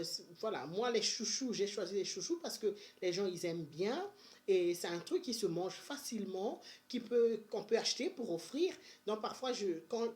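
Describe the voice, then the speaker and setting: A woman's voice: medium pitch, a little mellow. A woman from Benin, chatting casually in a money-saving advice vlog, full of energy, fillers and restarts. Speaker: vlogger.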